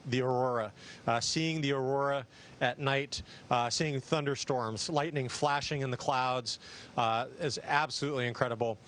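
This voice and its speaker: Enthusiastic male astronaut, medium pitch. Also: fairly bright tone, slight background noise. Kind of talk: casual answers to students.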